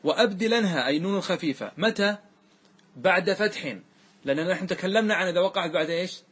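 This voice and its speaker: Husky man teaching a grammar class. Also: sits high, fairly bright tone. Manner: quizzes students with quick questions; recites verses slowly and drawn-out. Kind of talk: classroom lesson.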